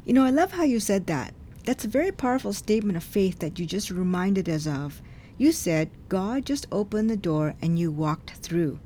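A woman hosting an interview, warm and affirming toward her guest. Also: medium pitch, big pitch swings, moderate pace, slight background noise. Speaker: interview host. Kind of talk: interview conversation.

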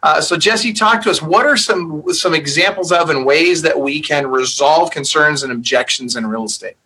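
An upbeat man hosts a real estate webinar and interviews his guest with lots of energy. His voice sits high, bright and a little husky. He keeps the talk moving. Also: normal speed. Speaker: webinar host.

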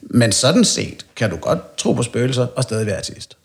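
A man's voice: medium pitch, big pitch swings, gravelly. A man in a casual podcast conversation, explaining his views in a lightly teasing manner.

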